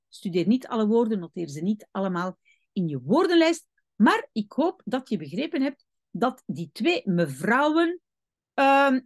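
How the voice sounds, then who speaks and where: A woman, reading from a French novel and explaining words to her students. Her speech is slow and patient, her voice rising and falling a lot, and the recording is dry and close. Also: medium pitch, no echo. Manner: slow, patient, with frequent hesitations and self-corrections. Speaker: French teacher.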